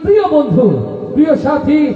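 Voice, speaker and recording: A man's voice: very high-pitched, animated, brisk. A man announcing on stage at a religious gathering, calling out to the crowd in rousing, half-sung lines. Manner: sings lines, chants, calls out to the crowd. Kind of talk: rousing stage hosting with chanted calls. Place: outdoor religious gathering with loudspeakers. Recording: echoey outdoor PA sound, far off, dull.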